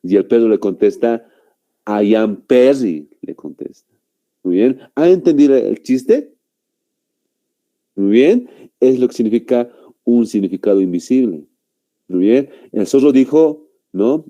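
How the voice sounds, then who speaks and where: A man teaching a grammar lesson, who explains slowly and keeps checking in with his students. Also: medium pitch, lively intonation, dark tone. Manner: explains slowly, often checks with "¿no?" and "muy bien". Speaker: language teacher.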